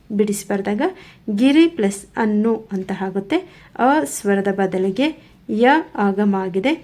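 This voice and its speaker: A woman's voice: mid-range voice, mellow. A woman teaching a grammar lesson, going through examples one by one in a methodical, repetitive way. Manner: slow, methodical, repetitive explaining.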